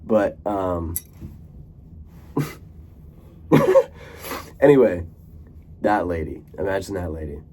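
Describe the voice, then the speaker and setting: Rambling young man with a low voice. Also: expressive, drawn-out words, pauses often, warm tone, husky. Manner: rambling, many fillers and restarts, swears casually. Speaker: vlogger. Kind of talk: rambling casual monologue.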